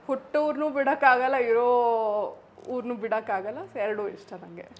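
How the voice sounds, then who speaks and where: Young woman from karnataka, actress guest on a chat show, playful and laughy, slightly high voice, drops english words in a lot. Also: fairly even intonation, measured pace. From Karnataka, India. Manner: playful, laughs often, mixes English into her talk. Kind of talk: casual interview chat.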